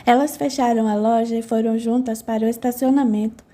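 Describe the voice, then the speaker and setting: A woman's voice: a little high, fairly even intonation, a little fast, warm tone. A woman narrating an audiobook novel and reading every character in her own voice.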